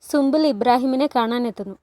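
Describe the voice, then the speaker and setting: A woman tells a TV drama as a long story and voices every character herself, her voice rising when someone cries out or pleads. Her voice sits a little high but has a soft, mellow tone. It is recorded close and dry, with no room sound. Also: fairly quick, no room sound. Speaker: storyteller retelling a TV series. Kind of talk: storytelling narration with voiced dialogue.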